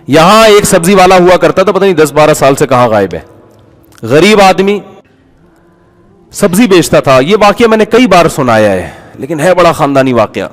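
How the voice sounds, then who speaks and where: An Islamic preacher gives a conversational sermon, animatedly slipping into the voices of the people in his stories. His voice sits a little high for a man, and the long reverb of a large hall surrounds it.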